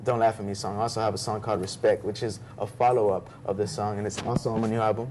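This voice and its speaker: A man's voice: fairly low pitch, level tone, fast, heavy background noise. A young man giving a casual interview as a musician guest, earnest and polite. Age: young adult. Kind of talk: casual talk show interview.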